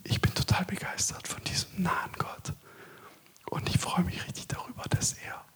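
A man preaching a sermon as a guest preacher. He alternates long stretches of hushed whisper with loud, measured declamation.

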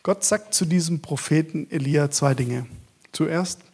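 A man preaching a sermon as a guest preacher. He alternates long stretches of hushed whisper with loud, measured declamation. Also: fairly high pitch, slightly rough.

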